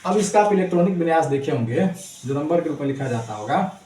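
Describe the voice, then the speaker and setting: A man's voice: fairly high pitch, expressive, fast, dark tone. A man teaching a school chemistry class in with a tinge. He repeats key points with "ठीक है" and drills students with rhyming memory chants. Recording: echoey room, mic far off, faint background noise.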